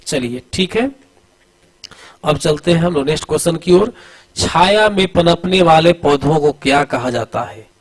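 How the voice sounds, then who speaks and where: A somewhat high-voiced man teaches an exam-prep class from diagrams. He fires a question, answers it himself, then repeats it in a steady drill. He talks to his students as "beta" and keeps pushing them to answer quickly. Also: low-quality recording. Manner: addresses students familiarly, urging quick answers. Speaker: coaching teacher.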